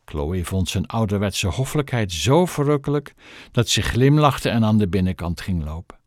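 A man narrates a children's book with expressive, lively intonation that rises and falls a lot. The sound is close and dry, with no room echo. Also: lowish voice, normal speed. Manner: expressive storytelling. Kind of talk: reading a children's book aloud.

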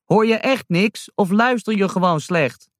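A man's voice: sits high, measured pace, no echo, clean studio sound, voice pushed up. A man voicing a grumpy, contrary male unicorn in a storybook reading, snappish and grumbling.

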